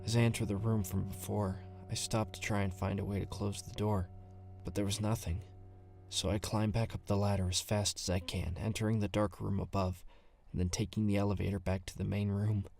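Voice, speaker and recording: An actor playing a nervous young male survivor, narrating an audio drama in the first person with tense, hushed storytelling. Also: lowish voice, little pitch movement, fairly quick, gravelly, faint music behind. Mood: uneasy.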